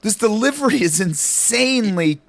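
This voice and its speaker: A man with a high voice and wide, animated swings in pitch co-hosts a podcast. He banters casually, sounding emphatic and exasperated, and curses freely. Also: normal speed, gravelly. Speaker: comedy podcast co-host.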